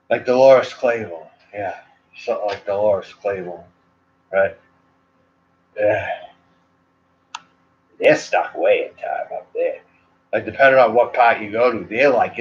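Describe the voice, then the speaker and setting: Speaking slowly with frequent pauses in a fairly low voice, a cigar reviewer from Maine meanders through a casual livestream chat, peppering it with "like" and "you know" in his Maine accent. The stream audio is dull and lo-fi, with slight background noise.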